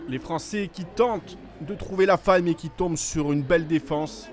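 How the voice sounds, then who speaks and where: High-pitched man giving excited sports commentary. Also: moderate pace. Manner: narrates play as it happens, urgent on attacks.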